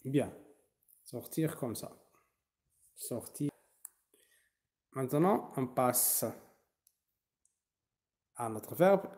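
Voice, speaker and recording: A man teaching French to his class, slow and patient, spelling verb endings out letter by letter. His voice is dark and mellow, and he takes his time over every word. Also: medium pitch, expressive. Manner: switches between French and Arabic to explain. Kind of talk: online language class.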